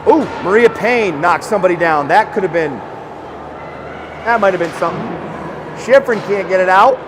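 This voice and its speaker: A man calling a hockey game live, excitable and chatty, shouting on scoring chances and joking with the listeners. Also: sits high, moderate pace, noisy background. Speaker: play-by-play commentator.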